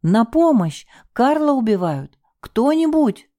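A woman's voice: animated, measured pace, warm tone, no echo, clean studio sound, lightly acted. A woman voicing a hysterical, frightened young wife who pleads and sobs. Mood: frantic. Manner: sobbing, shrill pleading.

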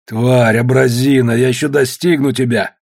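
A man's voice: mid-range voice, fairly even intonation, normal speed, gravelly. A man voicing a tough, blunt young male miner. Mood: fierce.

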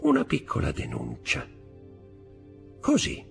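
A man's voice: medium pitch, huge pitch swings, takes it slowly, creaky, soft background music, voice pushed up, heavily acted. A man reading aloud voices a sly, scheming male accountant who insinuates and plays innocent.

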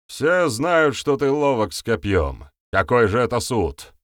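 A man's voice: medium pitch, sing-song, normal speed, dry recording, studio quality, close to an everyday voice. A man voicing a nervous, lying male villager who whines and protests shrilly. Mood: sly.

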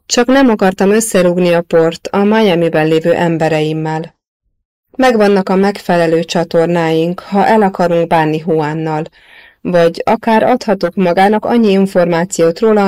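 A woman's voice: lowish voice, a little mellow, clean tone, lightly acted. A woman reading the part of a jovial, boastful middle-aged man in an audiobook novel. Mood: reassuring.

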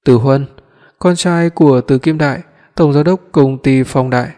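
A man voicing a cold, commanding young executive who speaks calmly and briefly in an audiobook. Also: mid-range voice, moderate pace, natural voice. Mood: cool. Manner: calm, cool, clipped. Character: cold, commanding young CEO, tender to his love. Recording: long hall reverb.

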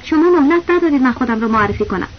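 A woman's voice: high-pitched, expressive. A woman reading the quoted lines of a young man posing as a teacher, flustered and pleading as he keeps denying things. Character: flustered young male impostor teacher, desperate. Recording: dull lo-fi audiobook recording with faint hiss.

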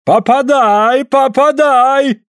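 A man voicing a fierce northern native man who speaks broken Russian in slow, drawn-out words. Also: fairly high pitch, lively intonation, darkish tone, no echo, studio quality, pitched above the performer's own voice. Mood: shouting, terse.

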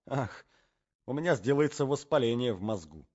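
A man voicing a jealous, panicky gentleman who pleads and exclaims in fright. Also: medium pitch, expressive, normal speed, lo-fi sound, lightly acted. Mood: agitated. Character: jealous panicky middle-aged gentleman hiding under a bed. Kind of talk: audiobook character reading.

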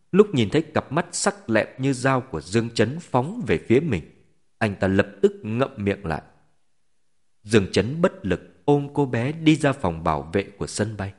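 Expressive male story narrator. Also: mid-range voice.

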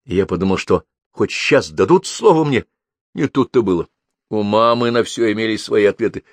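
A man narrating a first-person story as an audiobook reader, in a lively, expressive reading. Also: normal speed, no echo. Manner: lively, expressive reading with wide pitch swings.

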